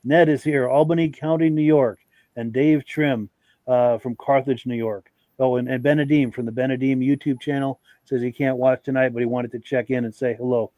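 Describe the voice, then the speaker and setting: A man hosting a live podcast, briskly reading out viewer greetings. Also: medium pitch, steady tone, no echo, lo-fi sound. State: out of breath. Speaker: podcast host. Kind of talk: live podcast welcome and chat.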